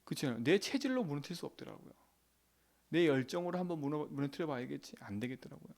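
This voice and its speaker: A man's voice: a little high, expressive, quick pace, creaky, a little mellow. A middle-aged male pastor giving an emphatic, colloquial dawn prayer sermon, repeating phrases and asking the congregation for agreement.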